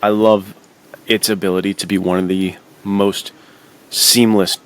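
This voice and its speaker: With a low, level voice and a measured pace, a podcast co-host shoots the breeze about movies. He keeps it slangy and matey, sprinkling in plenty of "dude" and "like."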